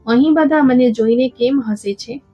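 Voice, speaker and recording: A woman voicing a humble young village bride who speaks softly and quietly, in a storybook reading with a dull lo-fi sound and faint music. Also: sits high, moderate pace, no echo. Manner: soft, quiet.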